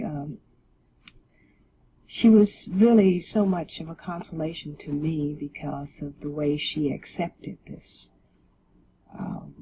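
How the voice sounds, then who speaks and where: A woman giving a soft, measured television interview. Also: sits low, creaky, a little hiss or hum. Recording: dull old TV recording.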